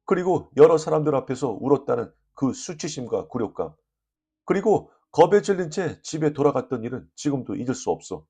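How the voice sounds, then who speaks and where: A man reading a short story aloud as an audiobook narrator, lively and expressive, voicing the dialogue. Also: mid-range voice, fairly quick, slightly rough.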